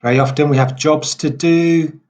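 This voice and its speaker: A British man from England giving an English pronunciation lesson, speaking slowly and deliberately and repeating example words clearly. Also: on the high side, fairly even intonation, darkish tone. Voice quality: slow and deliberate, drawing out words for emphasis.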